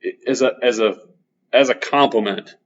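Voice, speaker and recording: A man's voice: mid-range voice, moderate pace. A man in his thirties hosting a podcast, teasing and joking with his guest, loose with fillers. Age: 30s. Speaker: podcast host. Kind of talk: casual podcast chat. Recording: muffled podcast audio.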